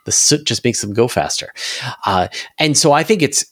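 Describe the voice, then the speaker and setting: In an expressive, slightly bright mid-range voice at a moderate pace, a man who comments on space news speaks conversationally as an interview guest, explaining at length and restarting phrases as he reasons. It's a studio-quality recording with no room sound.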